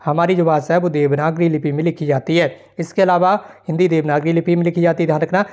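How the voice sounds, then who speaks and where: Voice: medium pitch, flat delivery, fast talker, darkish tone. A teacher giving an online exam-prep lesson, reading each question aloud and explaining its answer point by point with frequent check-ins to the students.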